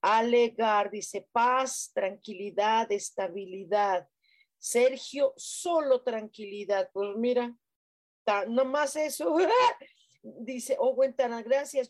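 A Mexican woman hosting a casual live stream, chatting playfully and reading out comments from viewers. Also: on the high side. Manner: playful, chatty, breathy hushed guiding. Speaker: host of a live spiritual stream.

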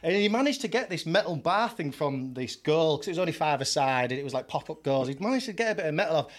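A man's voice: on the high side, expressive, fast talker. A man, a podcast guest telling his story in a candid, chatty way, often laughing. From York, England. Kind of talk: casual storytelling.

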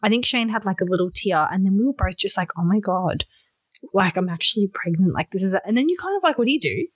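A young adult woman, telling her own story as a podcast guest in casual chat, acting out quotes with sudden high squeals. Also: quick pace, slightly rough, dry recording.

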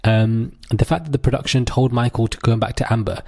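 A man's voice: mid-range voice, steady tone, brisk, vocal fry, a little mellow, husky. A man hosting a podcast, giving casual gossip commentary with dramatic, sassy asides. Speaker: podcast host.

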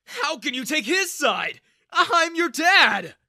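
A storybook narrator voicing an arrogant middle-aged male bank manager who sneers and shouts, pitched far above the narration. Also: sing-song, slow, dry recording, studio quality, exaggerated voice. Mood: furious.

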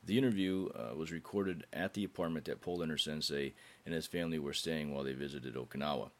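A hoarse, gritty-voiced man with a cold and sore throat introduces a podcast as its host. His voice is bass and he talks fast.

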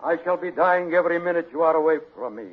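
An actor playing a grandiose mock Russian prince working as a hired escort, with a florid, theatrical courtly manner in 1940s radio comedy. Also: male voice, on the high side, quick pace, slightly rough, phone-quality sound. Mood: hammy wooing. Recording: old radio broadcast, loud studio audience.

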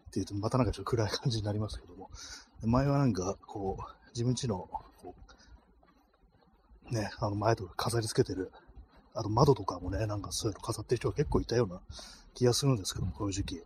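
A man with a lowish, slightly mellow voice hosts a casual solo podcast, speaking quickly into a phone held in cold hands as he walks a night street. He rambles with plenty of fillers. Faint outdoor street ambience and a little hiss or hum are audible.

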